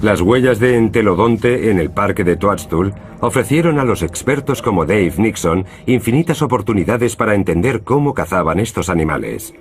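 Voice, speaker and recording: A man's voice: on the low side, expressive, moderate pace, faint music behind. A man reading scripted nature documentary narration.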